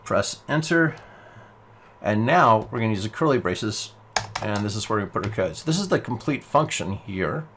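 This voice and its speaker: A man's voice: on the low side, expressive, moderate pace, noisy background. A man teaching a beginner programming lesson, explaining patiently step by step while typing along. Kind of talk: screen-recorded coding tutorial.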